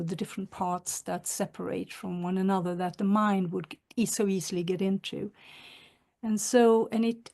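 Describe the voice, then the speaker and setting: Over a video call, an author from northern Sweden delivers a reflective lecture for a webinar, reading out quotations. She speaks softly in a mid-range voice, haltingly and with lots of fillers.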